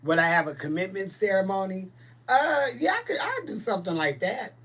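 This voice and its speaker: A man in his forties hosts a casual livestream, reading out viewer comments and replying in a blunt, sassy style. His high voice is sing-song and fairly bright in tone, and his pace is brisk.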